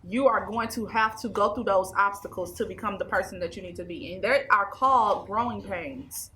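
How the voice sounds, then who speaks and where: Twenties, woman, bright tone, emphatic interview guest. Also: mid-range voice, normal speed, slight background noise. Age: 20s. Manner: emphatic and preachy, repeats phrases. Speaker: interview guest, anger management specialist. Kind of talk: casual interview talk. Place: small indoor studio set.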